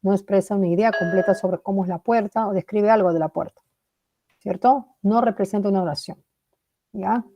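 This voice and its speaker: A woman's voice: mid-range voice, fairly quick, dark tone. A woman teaching a language class, explaining step by step, praising students by name and checking in with "¿verdad?". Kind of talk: online class lecture.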